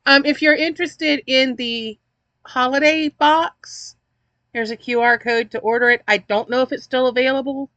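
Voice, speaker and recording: A woman's voice: high voice, fairly even intonation, moderate pace, a bit bright, dry recording, dull audio. A woman hosting a casual snack-box unboxing, chatty and wry, reading the packaging aloud. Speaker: host reviewing a snack box.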